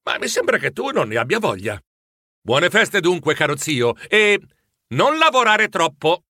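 A man voicing a cheerful, warm-hearted young male nephew in a storybook reading, friendly and upbeat. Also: sits high, big pitch swings, a little slow, dry recording, studio quality, pitched above the performer's own voice, full character voice. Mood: good-natured.

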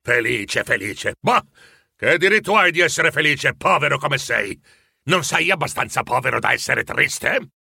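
A man plays a crabby old miser who spits out scorn in short bursts, the voice swinging high and low. It is a husky, bright voice close to the mic in a dry space, as in a read-aloud storybook. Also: animated, a little slow, dry recording, exaggerated voice. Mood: scornful. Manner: snappish, scornful outbursts. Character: grumpy stingy old male miser.

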